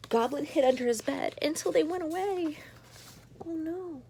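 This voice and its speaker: A woman's voice: high voice, brisk, creaky, a little mellow, a little hiss or hum. A woman in her thirties, a mother, reading a children's picture book aloud with playful asides to young listeners. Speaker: children's story reader, mother.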